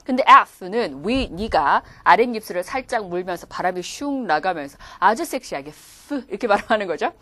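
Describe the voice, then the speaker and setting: A woman's voice: mid-range voice, expressive, brisk, hardly any pauses, a bit bright, no room sound. A woman teaching English pronunciation in a video lecture, demonstrating words aloud as she explains.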